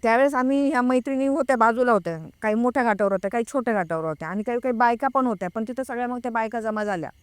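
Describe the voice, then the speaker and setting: A woman telling a personal story in a casual, hesitant way. She pauses to recall details. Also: a little high, clean tone, dry recording. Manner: reenacts a friend's frightened words. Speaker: guest recounting a personal experience.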